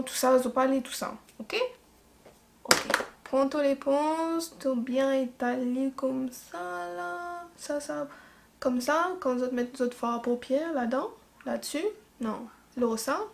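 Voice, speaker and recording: Young mauritian woman with a creole accent, kinda high voice, chatty beauty vlog, makes up words as she goes. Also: gravelly. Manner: chatty, improvised, laughs at her own mistakes. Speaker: beauty vlogger. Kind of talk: casual makeup tutorial and storytime.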